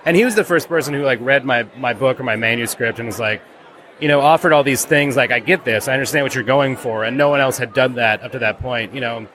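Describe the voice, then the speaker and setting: A man's voice: medium pitch, fast, noisy background. Rambling casual male comics creator. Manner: rambling, lots of "like" and restarts. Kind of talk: casual interview answers.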